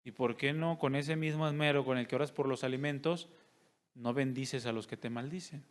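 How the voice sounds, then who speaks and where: A man's voice: medium pitch, fairly even intonation, moderate pace. A male pastor, preaching a sermon and putting rhetorical questions to his congregation. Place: church service.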